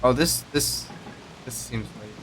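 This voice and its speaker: A man's voice: mid-range voice, a little slow. Laid-back man tossing out dry quips. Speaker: co-streamer. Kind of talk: casual co-op stream chat.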